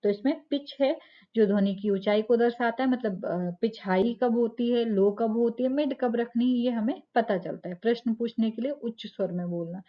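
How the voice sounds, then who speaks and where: A woman's voice: fairly high pitch, moderate pace, highs cut off. A woman teacher giving a lecture, explaining step by step, asking rhetorical questions and checking in with "ठीक है". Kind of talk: classroom lecture.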